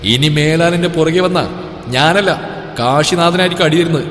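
A man's voice: fairly high pitch, moderate pace, a bit bright, slight background noise, close to an everyday voice. A man voicing a fierce, stubborn young woman who talks in a threatening, defiant way in a storybook reading. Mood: angry threatening. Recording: echoey room with reverb, faint music.

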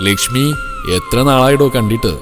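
A man voicing a kindly older woman teacher who speaks gently and grows firm, with reverb and soft music. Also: medium pitch, wildly swooping pitch, moderate pace. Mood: caring. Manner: gentle, caring, firm when angered.

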